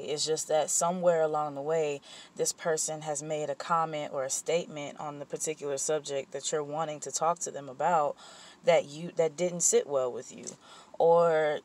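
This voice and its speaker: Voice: mid-range voice, darkish tone. Candid, rambling vlogger venting. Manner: candid and rambling, with frequent fillers and self-corrections; blunt and profane when heated. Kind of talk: personal vent session, casual monologue.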